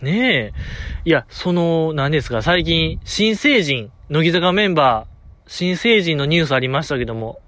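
A man's voice: a little high, animated, measured pace, a bit bright. A man with a Kansai accent hosting a solo talk show, chatting with enthusiastic, chuckling fan banter. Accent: Kansai Japanese. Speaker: podcast host.

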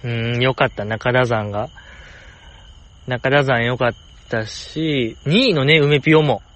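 A man with a Kansai accent chatting alone in a rambling, jokey way, jumping up in pitch to stress a point. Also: measured pace, a bit bright. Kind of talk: casual solo chat.

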